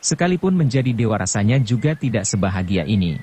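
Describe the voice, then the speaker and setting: A man's voice: fairly low pitch, sing-song, fast talker, dark tone, slight background noise. A man voicing a playful, dreamy young male swordsman in an audiobook. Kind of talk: audiobook narration.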